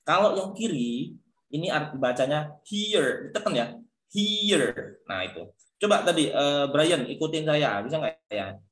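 On a video call, a man with a fairly high, expressive voice leads an online pronunciation class in English at a moderate pace. He addresses students by name and offers encouragement, and the sound is reverberant.

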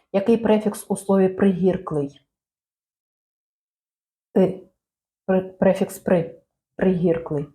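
A woman reading out language quiz questions and answers in a measured, clear teaching manner. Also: medium pitch, mellow. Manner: measured, clear dictation-like delivery.

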